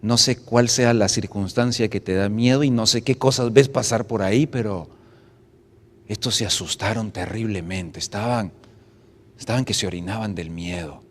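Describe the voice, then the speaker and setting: A man's voice: on the low side, moderate pace. A male pastor preaching a dramatic sermon in a church, acting out scenes and asking the audience questions. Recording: echoey church hall.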